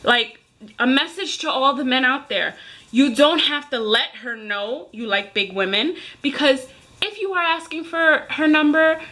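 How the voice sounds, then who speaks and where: A woman in her thirties rants casually and emphatically to her viewers, vlogger-style. Her high voice is expressive, pushed and bright, delivered at a measured pace.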